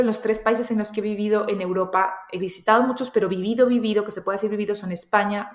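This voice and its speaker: A woman's voice: medium pitch, reverberant. A woman in her thirties from Colombia, with an accent that mixes Colombian and Spain Spanish, answering interview questions in a reflective way and often restarting her sentences. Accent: mixed Colombian and Spanish. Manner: reflective, thinks aloud with frequent restarts. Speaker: interview guest. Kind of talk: conversational interview.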